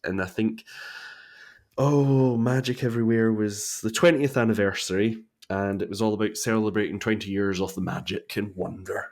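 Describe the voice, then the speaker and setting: Chatty man with a lower voice. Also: moderate pace. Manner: chatty, rambling with restarts, bursts of excitement. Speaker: podcast co-host. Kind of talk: casual chat.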